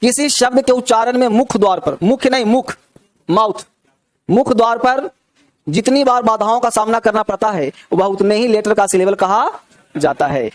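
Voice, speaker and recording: A man teaching an English grammar lesson to students. He drills examples slowly and keeps checking whether everyone has understood. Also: sits high. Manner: repeats questions to check understanding.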